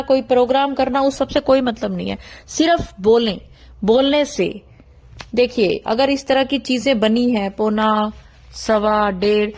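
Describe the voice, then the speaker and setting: A middle-aged woman from India gives a devotional talk to her followers. Her voice sits a little on the high side, and she explains things patiently while speaking directly to the listeners. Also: a little mellow. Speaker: satsang speaker.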